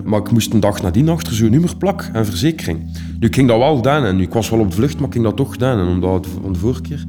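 A young Flemish man telling his own stories casually, rambling in a streetwise way with many fillers. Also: medium pitch. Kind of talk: casual personal storytelling.

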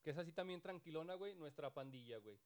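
A young man with a Mexican accent co-hosting a podcast, joking quickly in heavy slang. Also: on the high side, expressive, a crowd in the background. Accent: Mexican Spanish. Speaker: podcast co-host. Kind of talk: casual chat.

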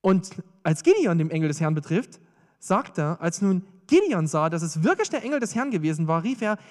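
A man preaching a sermon, swinging between urgent emphasis and hushed intensity. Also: sits high, sing-song, brisk. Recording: long reverb of a hall.

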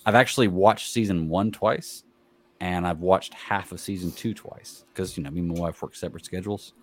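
A man's voice: deep voice, normal speed. A man hosting a casual podcast, chatting and bantering with his co-hosts. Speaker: podcast host.

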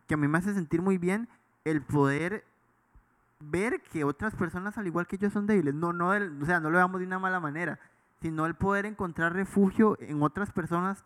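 A man's voice: fairly high pitch, a bit bright. A man speaking reflectively in a casual faith chat, often checking whether the others follow him. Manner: reflective, conversational, asks "¿me entendés?".

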